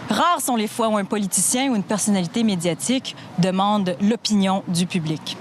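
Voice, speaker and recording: A young woman with a Québécois accent hosting a street show, brisk and playful as she introduces it and questions passers-by. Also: medium pitch. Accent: Québécois French. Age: young adult. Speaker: street interviewer and show host. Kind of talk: scripted intro and street interviews. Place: outdoors on a city street. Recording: noisy outdoor street recording. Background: traffic noise.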